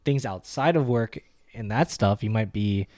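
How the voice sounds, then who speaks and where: A man's voice: on the low side, normal speed, a little mellow, dry recording, clean studio sound. Chatty young man, "like" in every line. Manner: loose and chatty, heavy use of "like", joking asides. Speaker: podcast co-host. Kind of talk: casual podcast discussion.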